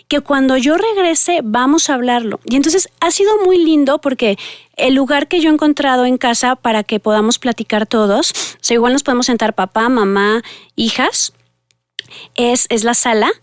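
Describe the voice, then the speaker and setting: A woman's voice: sits high, no room sound, clean studio sound. A middle-aged woman, a family therapist talking casually about parenting, often acting out her talks with her daughters in a lifted voice. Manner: acts out parent-child dialogues in a lifted voice. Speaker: family therapist and podcast host. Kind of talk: casual parenting advice talk.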